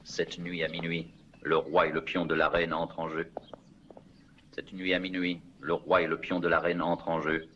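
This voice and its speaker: An actor playing a resolute conspirator in a dubbed 1960s TV drama, speaking in a terse, deliberate way. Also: male voice, low-pitched, little pitch movement, sharp tone. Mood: intent, secretive. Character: resolute male conspirator sending an urgent fake distress call. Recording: dull, hissy old TV soundtrack.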